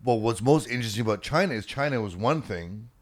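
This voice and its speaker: A man co-hosting a podcast in casual chat, musing and thinking out loud in halting starts. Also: medium pitch, expressive. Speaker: podcast co-host.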